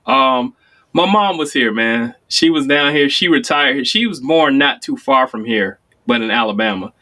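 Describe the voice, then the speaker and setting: Animated storytelling man, mid-pitched. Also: normal speed. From Chicago. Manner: animated storyteller, acts out quotes with sudden high pitch jumps. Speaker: guest. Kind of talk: casual conversation.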